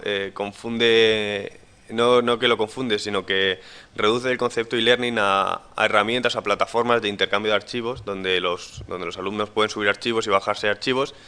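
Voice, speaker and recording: A man's voice: fairly low pitch, fairly even intonation, normal speed, pushed and bright, clear, resonant tone. Hesitant man giving a lecture. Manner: hesitant, many restarts and fillers. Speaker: conference speaker. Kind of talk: academic talk with slides.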